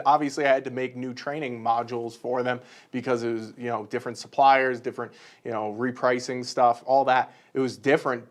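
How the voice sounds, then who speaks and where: An easygoing man with a mid-range voice hosts a casual live stream. He reads out viewer questions and answers them in a relaxed, explaining way, with frequent laughs. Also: mid-range voice.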